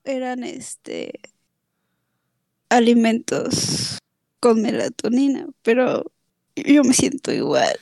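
A drowsy woman in a casual chat who talks very slowly and hesitantly. Her voice is gravelly. The sound is dry and close. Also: fairly high pitch, very animated, a little mellow, no echo. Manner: hesitant, trailing off. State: sleepy.

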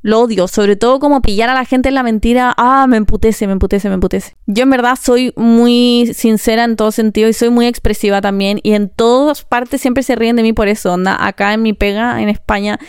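A young Chilean woman vents about her pet peeves in a casual vlog, cursing freely and speaking in fast bursts with pauses between them. Her voice sits a bit high and sounds very clean. The recording is dry and close, with no room echo. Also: smooth. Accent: Chilean Spanish. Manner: expressive, swears often, quick bursts and pauses. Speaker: vlogger.

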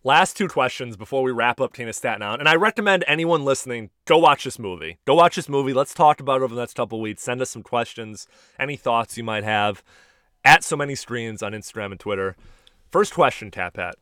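A man in his thirties hosting a podcast, an animated storyteller who swears casually. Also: mid-range voice, fast talker, smooth, no echo, clean studio sound. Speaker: podcast host and stand-up comic. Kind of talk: casual chat.

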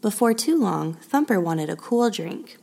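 A woman narrating a children's picture book in a soft, measured storytelling manner. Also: mid-range voice, very animated, vocal fry, husky.

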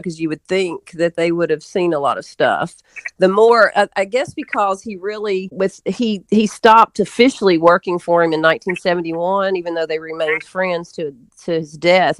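A woman with a lowish voice reminisces as an interview guest, telling stories in a casual, rambling way. She often doubles back mid-sentence. There is no room sound.

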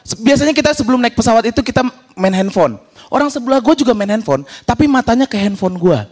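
A man's voice: very high-pitched, expressive, fast talker, a little mellow. A man doing a stand-up comedy set, telling stories animatedly and acting out other people's voices, with audience laughter behind him. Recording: live stage recording with audience.

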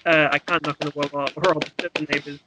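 Narrating a homemade radio play, a man reads his script aloud in dramatic present-tense storytelling. His voice is a little high and level in tone, he speaks fast, and the background noise is heavy.

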